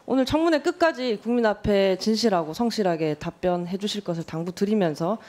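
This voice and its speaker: A woman in her thirties, a lawmaker, questioning a nominee in a formal hearing room in a measured, pointed and direct way. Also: medium pitch, darkish tone. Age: 30s.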